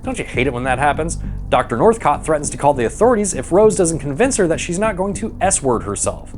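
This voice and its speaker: A man's voice: a little high, very animated, brisk. A man hosting a movie recap, delivering irreverent, sweary scripted comic narration with a sarcastic manner. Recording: music behind the voice. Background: background music.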